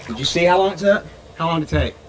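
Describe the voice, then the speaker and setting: A man's voice: fairly high pitch, animated, rapid-fire, noisy background. A middle-aged man teaching a child to swim, counting strokes aloud and calling out encouragement at a pool. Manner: encouraging, counts out loud in bursts; raises voice when child's ears are under water. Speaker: swim instructor. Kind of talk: instructional coaching. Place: indoor swimming pool.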